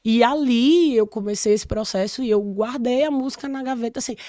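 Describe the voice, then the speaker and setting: A woman's voice: on the high side, fairly quick, warm tone, no echo, clean studio sound. A woman in her forties from Salvador, Brazil, a podcast guest telling a personal story in casual chat, with many restarts.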